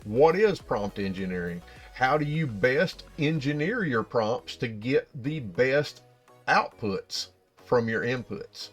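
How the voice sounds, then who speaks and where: A man's voice: mid-range voice, lively intonation, takes it slowly, soft background music. A man with an Appalachian hillbilly accent talking casually and folksily to viewers as a channel host, explaining things directly.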